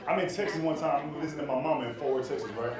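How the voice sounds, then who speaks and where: A man telling stand-up stories in loud, animated, profane slang on a comedy club stage. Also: fairly high pitch, rapid-fire, heavy background noise. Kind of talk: stand-up storytelling. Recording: echoey club with loud crowd laughter.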